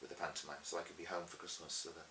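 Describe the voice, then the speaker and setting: A middle-aged Swansea man, a pantomime dame and cabaret performer, races through his stories in a low-sitting Welsh voice while being interviewed. The chat is lively, with animated retellings and acted-out quotes, against a roomy echo and faint hiss.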